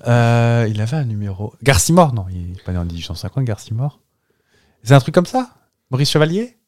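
A man's voice: mid-range voice, very animated, fairly quick, darkish tone, dry recording, clean studio sound. A man co-hosting a casual podcast chat, playful and jokey, blurting out guesses. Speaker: podcast co-host.

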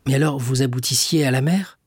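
A man voicing a young sailor locked in prison, crying out and pleading in a raised, raspy voice. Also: medium pitch, brisk, no echo, lightly acted. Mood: anxious. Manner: crying out, pleading, eager answers.

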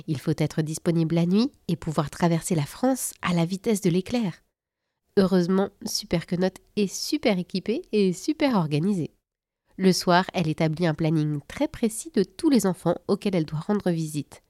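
A woman narrating a children's story in a lively, playful storybook manner. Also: lowish voice, normal speed, no room sound, studio quality.

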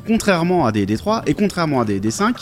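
A man's voice: on the high side, sing-song, rapid-fire, soft background music. A man talking casually about tabletop role-playing games, thoughtful and hesitant with many fillers.

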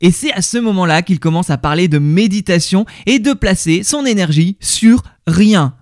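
A man's voice: high voice, animated, normal speed, dry recording, clean studio sound. A man talking casually and directly to the listener, often hesitating and repeating words as he explains what he learned at a seminar. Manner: chatty, addresses the listener directly. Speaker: vlogger reviewing a seminar. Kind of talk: casual talk to the viewer.

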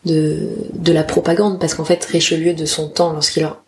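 A woman's voice: low-pitched, flat delivery, normal speed, noisy background. A woman of about thirty hosting a casual solo podcast, speaking candidly with slangy, self-deprecating asides and often searching for words. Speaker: podcast host, photographer.

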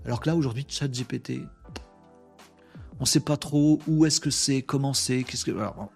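A man's voice: mid-range voice, moderate pace, gravelly, breathy edge, faint music behind. A man hosting a casual live webinar, telling anecdotes with playful sound effects and reading out viewer comments. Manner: lively, animated storytelling with sound effects like "bim"; reads viewer comments aloud. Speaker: host of a daily live webinar. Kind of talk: casual live-stream chat.

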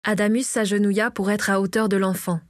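A woman reads a storybook chapter aloud, calm and even, at a middling pitch. The recording is dry and close, with no room sound. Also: a little fast, dry recording. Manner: reads all characters herself, lightly varying her voice. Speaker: audiobook narrator. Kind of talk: scripted storybook narration.

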